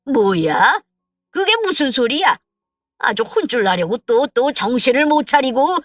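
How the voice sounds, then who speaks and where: A gruff older husband with a quick temper and a brusque way of talking, as a woman storyteller puts him on. The voice is set back from the mic, with a dry sound and no room echo. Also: mid-range voice, expressive, recorded from a distance, faint music behind. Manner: brusque, scolding, then gentle.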